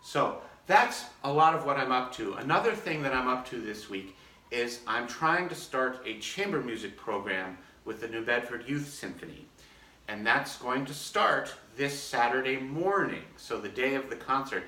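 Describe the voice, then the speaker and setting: An orchestra concertmaster walks through his practice method in a casual demonstration, friendly and methodical. His mid-range voice is bright, forward and animated at a moderate pace. A phone filmed him from a distance, so the room sounds echoey and far away.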